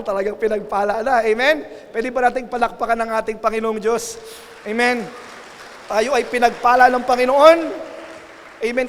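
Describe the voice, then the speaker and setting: A man's voice: extremely high pitch, a little hiss or hum. A man with a Filipino accent preaching a sermon as pastor, switching between languages and often calling on the congregation for an amen. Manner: call-and-response preaching, repeatedly asking for an amen. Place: church. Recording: echoey church with long reverb.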